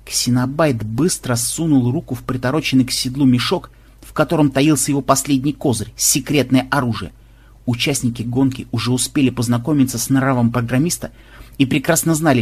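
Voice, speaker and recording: A man narrating an adventure story in a lively storytelling manner. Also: mid-range voice, slightly rough. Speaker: audiobook narrator. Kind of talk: scripted narration.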